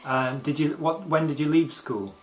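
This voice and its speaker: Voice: mid-range voice, moderate pace, reverberant. An interviewer asking short questions in an oral history interview. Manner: brief prompts and questions.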